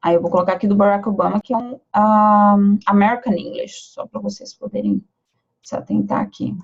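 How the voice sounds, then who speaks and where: Woman, Brazilian Portuguese accent, English teacher, husky, slightly dull lo-fi sound. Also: medium pitch, steady tone. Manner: explains step by step, repeating example phrases slowly. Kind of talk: pronunciation lesson.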